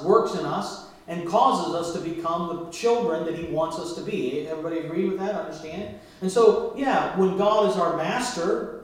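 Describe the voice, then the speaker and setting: A man's voice: high-pitched, a little mellow, very echoey, rough recording. A man preaching a sermon to his church, talking conversationally and asking the congregation questions. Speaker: pastor.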